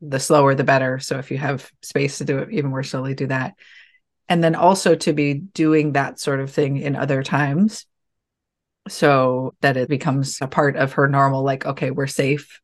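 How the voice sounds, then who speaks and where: A woman giving calm, measured and reassuring advice in a relaxed conversation. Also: rumbling low. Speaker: podcast guest.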